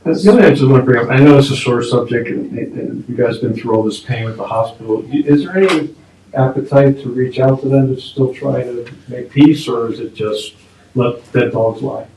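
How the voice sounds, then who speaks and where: A man's voice: medium pitch, normal speed, warm tone. A board member, a man, speaking in a folksy, conciliatory way in a meeting. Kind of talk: casual meeting talk. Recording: very echoey room, distant mic, faint noise.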